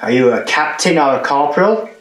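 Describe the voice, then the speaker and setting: A man in his thirties with a slightly high, a bit bright voice talks a little fast with lively intonation. On a ghost-hunting vlog, the paranormal investigator calls out questions to spirits in large, empty indoor rooms at night. The rooms echo, with music playing underneath.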